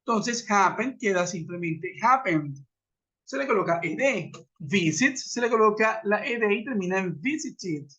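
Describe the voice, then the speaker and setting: Slow, patient man teaching. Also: high-pitched, animated, pushed and bright. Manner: patient, repeats and spells out examples. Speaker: English teacher. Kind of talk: webinar grammar lesson. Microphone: computer mic on a web call. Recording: dull lo-fi web conference audio.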